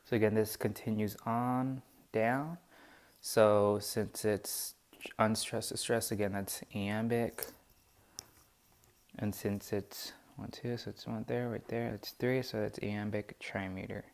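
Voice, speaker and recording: Slow, hesitant young man. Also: fairly low pitch, little pitch movement. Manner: hesitant, many fillers and restarts, self-doubting. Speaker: student presenting. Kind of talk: classroom walkthrough of poem scansion.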